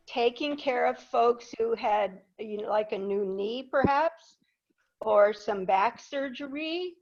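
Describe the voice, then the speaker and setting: Here a guest speaker, an older woman who grew up in Peru, entertains a live crowd with humorous anecdotes about her own life, chatting away and poking fun at herself. Her voice leans high, and the audio is dull.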